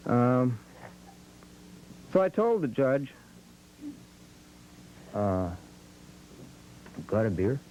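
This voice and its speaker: A man playing a down-and-out middle-aged drunk who rambles slowly about his troubles. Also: mid-range voice, very animated, a little mellow, a little hiss or hum, poor audio. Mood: rambling. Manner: slow, rambling, self-pitying.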